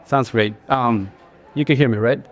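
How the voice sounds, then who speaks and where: At a bar with a live audience, a creative director from Ecuador in his forties is the guest in a casual stage interview. He speaks with an Ecuadorian Spanish accent in a mid-range voice at a moderate pace, earnest but full of fillers and restarts. Faint music plays behind him.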